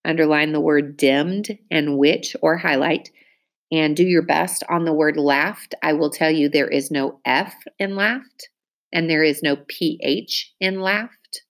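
Low-voiced teacher reading spelling words. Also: female voice. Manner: slow, clear dictation with example sentences. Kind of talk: spelling dictation lesson.

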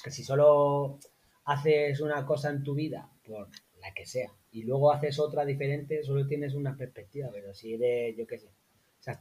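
Man, casual storytelling, animated, acts out quotes. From Spain. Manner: animated anecdotes, acts out quotes in high voices. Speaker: interview guest, former teacher in Morocco.

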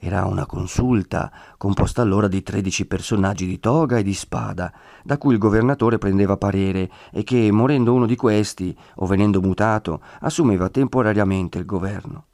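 A man narrating a classic novel in a measured, steady reading voice. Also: fairly low pitch, creaky, dry recording, clean studio sound. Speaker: audiobook narrator. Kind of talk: scripted narration.

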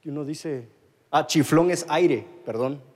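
He's a man in his thirties, Guatemalan-accented, speaking at a measured pace in a fairly high voice. His sermon unfolds as a story for both the live congregation and the online audience, and he frequently repeats and restarts words.

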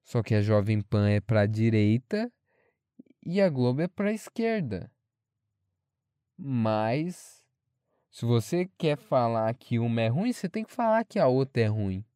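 Um jovem brasileiro falando sozinho de forma casual, franca e cheia de palavrões, divagando sobre a faculdade. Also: male voice, medium pitch, very animated, unhurried, mellow, clean tone, no echo. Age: young adult. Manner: frank, rambling, swears freely. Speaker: podcast host. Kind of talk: casual solo monologue.

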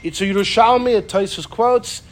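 A man teaching an informal Torah class, animated, often repeating himself and acting out the people he quotes. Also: sits high, normal speed. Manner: animated, acts out quoted speakers, repeats phrases.

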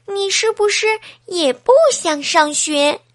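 A woman's voice: very high-pitched, slow pace, dry recording, studio quality, voice pushed up. A woman voicing a sweet, tearful little schoolgirl in a children's storybook, with a childlike, plaintive way of talking. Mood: innocent.

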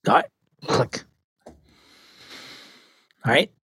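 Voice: mid-range voice, expressive, slow, breathy edge, no room sound. A game master casually running a tabletop horror game, with many fillers and restarts.

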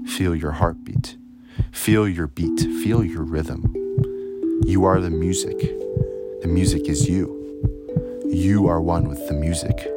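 A man leading a guided meditation as host, speaking solemnly in short, emphatic, repeated phrases. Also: low voice. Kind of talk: guided meditation, spiritual monologue. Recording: loud music under the voice. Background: loud instrumental music.

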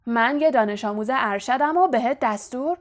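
A woman's voice: a little high, natural voice. A woman voicing a bossy teenage boy prefect who gives stern, commanding orders.

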